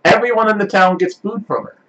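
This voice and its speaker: Male game master, high and animated, casual tabletop narration. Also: a little fast, lo-fi sound, noisy background. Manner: animated, laughing, lively pitch swings.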